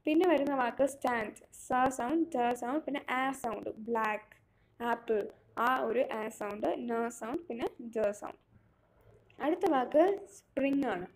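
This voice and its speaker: A woman's voice: fairly high pitch, measured pace, darkish tone. A woman teaching phonetics, patiently sounding out words one sound at a time. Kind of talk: explaining lesson step by step.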